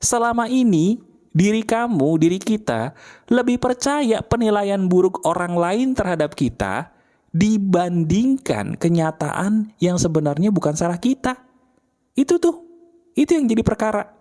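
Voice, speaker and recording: A motivational speaker giving a self-help talk in an earnest, casual way. The speaker keeps asking the listener direct questions and turns softer and slower when guiding a quiet reflection. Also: medium pitch, lively intonation. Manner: casual colloquial phrasing with frequent "nah" and "loh".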